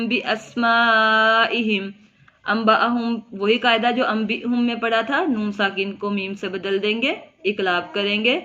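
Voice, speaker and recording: A woman teaching tajweed. She explains each rule step by step and recites words slowly and drawn out. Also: mid-range voice, fairly bright tone, highs cut off. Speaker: Quran teacher. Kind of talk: tajweed lesson.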